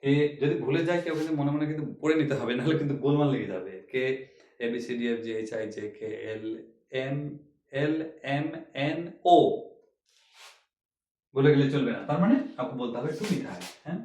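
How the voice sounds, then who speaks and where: A man's voice: medium pitch, expressive, brisk, dark tone, reverberant. A man teaching chemistry who explains each step, repeats key points and asks the class rhetorical questions. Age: older. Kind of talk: classroom lecture.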